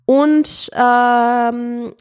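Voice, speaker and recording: A woman's voice: fairly high pitch, steady tone, very slow, a little mellow, clean tone. A young woman hosting her podcast, answering listener questions in a chatty, rambling way, often correcting herself and dropping in English words. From Austria. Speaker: podcast host. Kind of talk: casual Q&A monologue.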